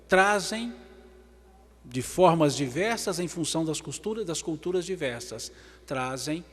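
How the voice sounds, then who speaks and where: A man with a Brazilian Portuguese accent giving a religious lecture, swinging between emphatic loud passages and hushed ones. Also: a little high. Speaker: spiritist lecturer. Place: large event hall. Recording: long hall reverb.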